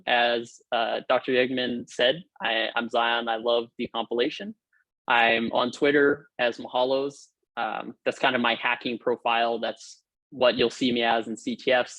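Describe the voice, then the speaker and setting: Over a video call from a home or office room, a young Hawaiian guest lecturer delivers a casual, cheerful technical talk, often restarting and filling pauses. His voice is medium-pitched with a fairly bright tone, and the low-quality recording has no room sound.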